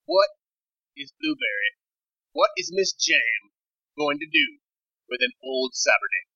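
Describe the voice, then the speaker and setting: High, intense female gear dealer, bossy, brash, lo-fi sound. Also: very animated, measured pace, breathy edge, no room sound, heavily acted. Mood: scoffing. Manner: bossy, calls people child, shouts at kid.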